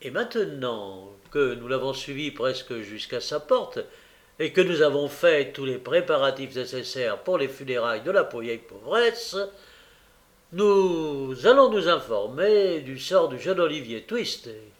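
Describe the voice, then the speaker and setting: A man narrating a classic novel, measured with an occasional hesitation. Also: medium pitch, very animated. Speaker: audiobook narrator.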